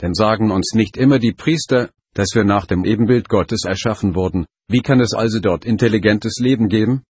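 A man's voice: on the low side, fairly quick, hardly any pauses, darkish tone, breathy edge, no echo. Man doing a brusque lab assistant. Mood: amazed. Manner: curt, brusque. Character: gruff male lab assistant Khan, skeptical.

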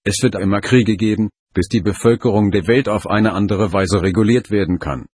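A man voicing an old, wise lama mentor who speaks calmly and gravely. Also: fairly low pitch, no echo, studio quality. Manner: calm, slow, grave.

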